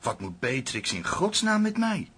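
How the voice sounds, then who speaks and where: A man's voice: fairly high pitch, sing-song, unhurried, pushed and bright, breathy edge, voice pushed up, exaggerated voice. A man voicing a sleepy, bewildered young man who mumbles drowsily. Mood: drowsy.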